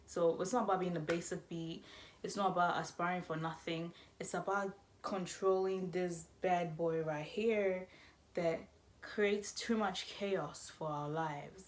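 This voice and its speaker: A woman in her twenties talking casually to camera as a vlogger, chatty and rambling, correcting herself as she goes. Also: lowish voice. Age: 20s. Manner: chatty, rambling, self-correcting, laughing asides.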